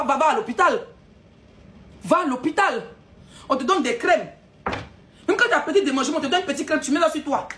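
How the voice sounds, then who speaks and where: Woman, high pitch, scolding live-stream rant with mocking laughter. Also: a bit bright, a little hiss or hum.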